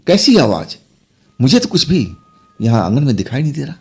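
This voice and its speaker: A man's voice: medium pitch, huge pitch swings, fairly quick, darkish tone, slightly rough, faint music behind, heavily acted. A man voicing a young wife who is puzzled and worried, in a spoken horror story.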